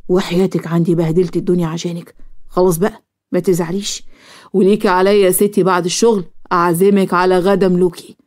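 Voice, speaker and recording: A woman's voice: lowish voice, flat delivery, fast, darkish tone, pitched below the performer's own voice, close to an everyday voice. A woman voicing a young man, an exasperated grown son, with an Egyptian accent. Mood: soothing. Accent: Egyptian Arabic.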